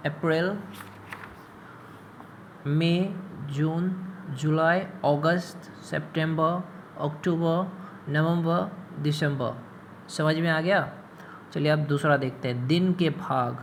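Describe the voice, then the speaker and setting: A man's voice: fairly high pitch, steady tone, slight background noise. A man teaching English pronunciation in Hindi, drawing out and repeating each word with teasing asides. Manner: slow, drawn-out words, repeats terms for learners, teasing asides.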